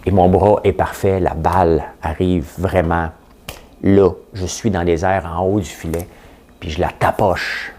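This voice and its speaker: A man with a Quebec French accent, hosting a casual morning talk to camera, rambling and animated as he tells stories. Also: low-pitched, measured pace, a little hiss or hum. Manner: chatty, rambling, animated storytelling. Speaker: host. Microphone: studio camera setup.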